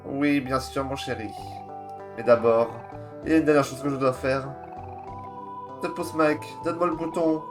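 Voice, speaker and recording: A man's voice: mid-range voice, steady tone, normal speed, long pauses, over music, close to an everyday voice. A man voicing a vain, haughty woman queen who scorns commoners, in a theatrical game voice. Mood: sweet.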